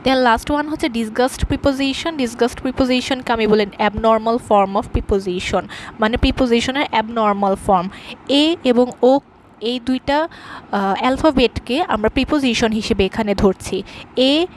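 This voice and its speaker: Woman grammar teacher, slightly high voice, patient and repetitive, faint hum behind. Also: normal speed. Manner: patient, repeats key terms with many fillers. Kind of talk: explaining grammar to students.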